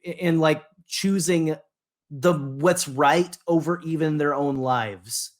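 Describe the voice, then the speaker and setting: A man with a fairly high voice speaks slowly as he co-hosts a podcast, enthusiastically rambling through a casual fan discussion. He often trails off and repeats his words.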